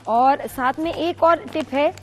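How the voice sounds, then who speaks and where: High-voiced chatty Pakistani woman host. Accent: Pakistani Urdu. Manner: chatty, advising, switches into English. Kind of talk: studio chat mixing Urdu and English.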